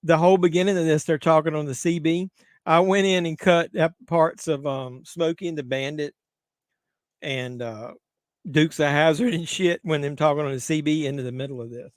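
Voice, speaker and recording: Middle-aged man, stream host, crude jokey banter, fairly high voice, dry close sound. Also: fairly even intonation, moderate pace, no echo. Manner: crude, joking banter with chat. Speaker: livestream host. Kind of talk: casual watch-along chat.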